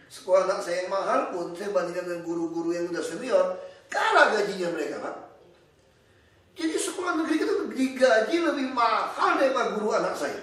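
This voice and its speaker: A man speaks as a government official at an informal indoor meeting. He is blunt and animated, and he often laughs between his points. His voice sits a bit high, and the room is very echoey with the mic placed far away.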